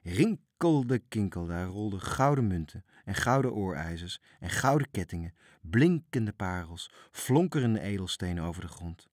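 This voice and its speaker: A man's voice: deep voice, lively intonation, normal speed, darkish tone, dry recording, studio quality. A man reading a children's story aloud, expressively, voicing the characters. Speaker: narrator.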